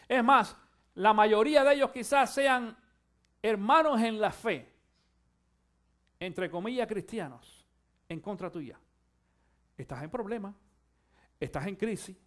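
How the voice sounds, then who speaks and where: A male pastor preaching a sermon, shifting from quiet musing to loud, fervent exhortation and urging his listeners to listen. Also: sits high. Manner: addresses listeners directly, urging them to listen.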